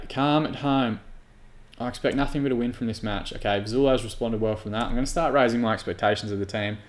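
Male gamer, casual commentary over a football sim, swears and vents often. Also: medium pitch. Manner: frustrated, sweary, exasperated outbursts. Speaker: gaming YouTuber. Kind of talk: football manager game commentary.

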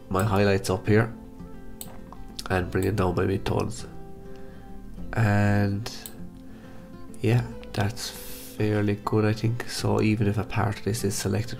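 A man with a blocked-up, nasal voice from hay fever, calmly talking through a software photo-editing tutorial step by step. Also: on the low side, unhurried, gravelly, music in the background. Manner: calm step-by-step instructions. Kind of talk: screen-recorded software tutorial.

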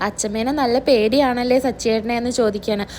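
A woman with a high voice walks through a serial episode scene by scene. She quotes each character's lines in her own casual telling, with a faint hiss of background noise. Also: steady tone, darkish tone. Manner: retells scenes line by line, quoting the characters' dialogue; fills pauses with drawn-out "aa". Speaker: serial review vlogger.

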